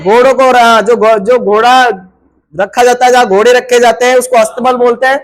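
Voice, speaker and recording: A man's voice: extremely high pitch, flat delivery, a little fast, rough recording. A male teacher giving an exam-prep grammar lesson, asking questions and answering them himself, and spelling words out letter by letter.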